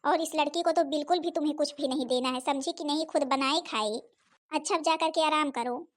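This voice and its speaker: A bossy middle-aged mother-in-law, voiced by a woman in a cartoon story. She speaks in a high voice and hands out firm orders, asking again and again whether she is understood. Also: brisk, natural voice. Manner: commanding, keeps asking "understood or not".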